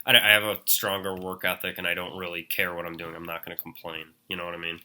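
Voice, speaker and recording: A man in his twenties, a podcast guest talking in a relaxed, casual way, often laughing and calling his friend "man" and "dude". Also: low voice, fast talker. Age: 20s. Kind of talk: casual chat.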